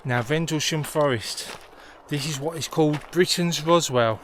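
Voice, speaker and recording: Man narrating a vlog outdoors, highish voice. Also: moderate pace. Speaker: host. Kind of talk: explanatory vlog narration on location. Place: outdoors in a forest. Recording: noisy outdoor location sound.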